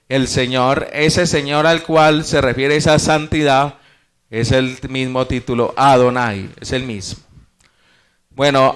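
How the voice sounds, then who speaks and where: A man's voice: fairly high pitch, fairly bright tone, smooth. A man teaching a church Bible study class, explaining step by step, posing rhetorical questions and addressing the congregation as brothers.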